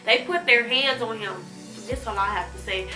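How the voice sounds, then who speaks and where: A woman's voice: on the high side, moderate pace, echoey room, over loud music, rough recording. A woman hosting a casual commentary show, talking in a rambling way with many ums and restarts. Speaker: host.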